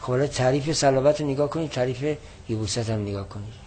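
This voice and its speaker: A man's voice: mid-range voice, slight background noise. Man teaching a classical text. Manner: explanatory, reads Arabic text slowly and louder.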